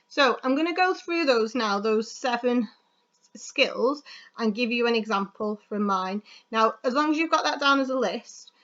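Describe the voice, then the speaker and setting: A woman teacher giving a casual lesson on writing opinion articles, talking quickly with frequent ums and self-corrections. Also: a little high, a bit bright. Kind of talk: recorded classroom lesson. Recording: dull lo-fi sound.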